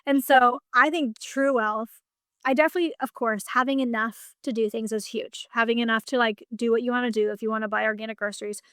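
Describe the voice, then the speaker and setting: Chatty woman, fairly high voice. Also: steady tone, brisk, a bit bright, clean tone, no room sound, clean studio sound. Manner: chatty, heavy use of "like" fillers. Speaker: business coach, podcast guest. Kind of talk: casual podcast conversation.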